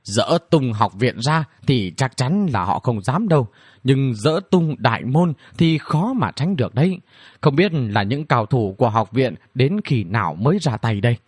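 A bold young male hero, stern and teasing, scolding in a lively, swinging tone, as a man reads him. The voice carries a husky grain. It sits dry and close, like a narrated storybook. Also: mid-range voice, normal speed, no echo. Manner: scolding, mocking.

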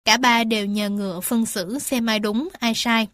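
A woman reading animal stories and facts aloud to young children, gentle and addressing them warmly as little ones. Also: on the high side, fairly even intonation, normal speed, no room sound, studio quality. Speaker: storyteller for children. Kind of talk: children's storybook narration.

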